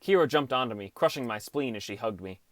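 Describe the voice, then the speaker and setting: A man with a mid-range voice speaks fast and animatedly in a lightly acted delivery with no echo. He plays a downcast teenage boy narrating his gaming adventure in an understated, wry first-person audiobook style, a reflective narration set over background music.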